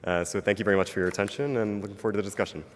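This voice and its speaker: A man's voice: lowish voice, fairly even intonation, very fast, very noisy. A man giving an academic conference presentation, hedging often with fillers like "um" and "kind of". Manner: hedging, filler-heavy delivery. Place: university lecture hall. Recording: lecture hall reverb.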